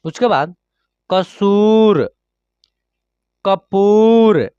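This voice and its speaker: A man with a high voice leads a slow online reading lesson, stretching each word out syllable by syllable and pausing to check his students follow. The sound is dry and a little dull, with no room echo. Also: dark tone, clear, resonant tone. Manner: slow, drawn-out word-by-word pronunciation with frequent check-ins. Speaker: Hindi reading teacher.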